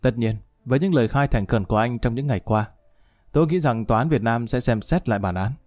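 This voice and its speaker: A man voicing a calm, authoritative police colonel who speaks in a measured way, in an audiobook drama reading. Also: mid-range voice, no room sound, studio quality, natural voice.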